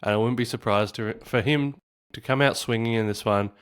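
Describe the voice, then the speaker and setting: A man's voice: mid-range voice, fairly quick, a bit bright, clean tone. An Australian man hosting a fantasy football channel, talking casually and chattily to his viewers, laughing at himself now and then. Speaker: fantasy football podcast host. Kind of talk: solo casual commentary to camera.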